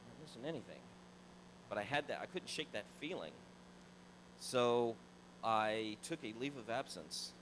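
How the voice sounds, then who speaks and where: In a large sanctuary, a Tallahassee, Florida pastor in middle age talks to his church with a handheld mic, telling a personal story in a relaxed way. His voice is fairly low, animated and conversational, with frequent restarts and repeats, and there's background noise.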